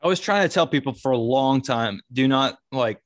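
A man co-hosting a casual sports chat, chiming in with quick remarks and opinions. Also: medium pitch, animated, no room sound, studio quality. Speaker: podcast co-host.

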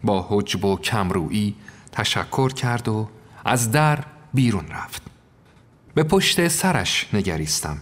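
A man narrating a first-person story in a measured, reflective manner. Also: on the low side, animated, fairly bright tone. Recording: long reverb.

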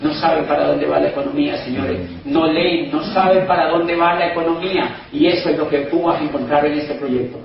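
Emphatic high-voiced man in an echoey hall. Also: fairly even intonation, a little fast, vocal fry, few pauses. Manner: emphatic, repetitive, keeps addressing the crowd as "señores". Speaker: motivational business speaker. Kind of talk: persuasive speech to a live audience. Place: event hall in Madrid. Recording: very echoey hall, distant mic, dull sound, faint noise.

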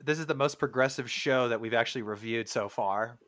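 A man's voice: mid-range voice, brisk, crowd noise. A man co-hosting a casual podcast chat, talking hesitantly. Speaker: podcast co-host.

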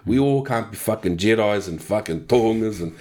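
A man's voice: fairly low pitch, lively intonation, a little fast, a little mellow. A middle-aged man with a New Zealand accent, talking candidly and bluntly as an interview guest, swearing freely. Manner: blunt, sweary, punctuated with "you know" and "man". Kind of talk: casual, candid conversation.

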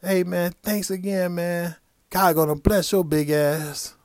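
A man doing an eager, high-pitched street panhandler. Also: expressive, unhurried, no echo, studio quality. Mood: effusive. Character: excited grateful male panhandler.

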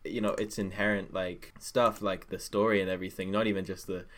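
A man's voice: deep voice, little pitch movement, a little fast. A young man on a podcast, gushing about a film in rambling casual chat full of fillers. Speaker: guest.

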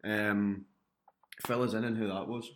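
A man's voice: fairly low pitch, fairly even intonation, measured pace, a little hiss or hum. Man hosting, muffled laptop-mic podcast. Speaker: podcast host. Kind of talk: casual podcast chat. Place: indoors at a friend's home. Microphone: laptop microphone. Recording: makeshift laptop microphone, muffled underwater sound.

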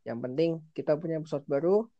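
A man's voice: a little high, quick pace, warm tone, no room sound, dull audio. A young man from Indonesia hosting a casual podcast, explaining things informally and dropping in English phrases. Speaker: podcast host. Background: background music.

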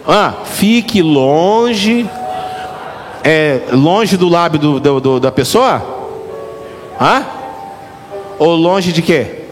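A middle-aged man, a pastor, preaching a lively, joking sermon straight to his congregation. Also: on the high side, slow, pauses often. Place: church hall. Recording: reverberant hall with faint music.

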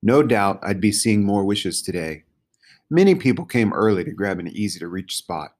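A man narrating a children's storybook in a gentle, measured way. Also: on the low side, expressive. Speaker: audiobook narrator.

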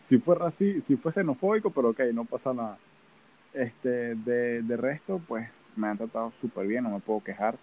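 A man's voice: mid-range voice, normal speed, a little mellow, rough recording. Playful venezuelan guy, chatty podcast co-host. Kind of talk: casual chat.

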